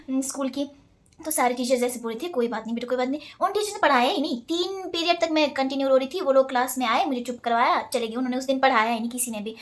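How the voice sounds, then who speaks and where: A woman's voice: high-pitched, fairly bright tone. A young woman vlogger telling childhood stories in a casual, chatty way, laughing often and slipping into English phrases. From Himalayan India. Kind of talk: casual Q&A vlog.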